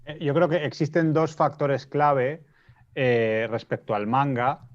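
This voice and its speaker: A man's voice: mid-range voice, fairly even intonation, slow pace. Spanish man on a lo-fi call. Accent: Spain. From Spain. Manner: explanatory, restates points, frequent hesitations. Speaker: debate panelist. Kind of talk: casual panel discussion. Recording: dull lo-fi audio.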